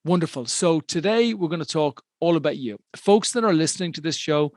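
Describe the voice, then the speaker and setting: A man's voice: a little high, animated, fairly quick, dry recording, studio quality. A man hosting a podcast interview, enthusiastic and emphatic, repeating words for stress. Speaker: podcast host and investor.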